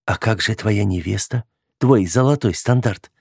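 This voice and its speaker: A man's voice: fairly low pitch, unhurried, gravelly, a little mellow, slightly rough, no room sound, full character voice. A man reading the part of a proud, hurt young woman with a cutting, scornful way of speaking, in a dry, close recording. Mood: mocking.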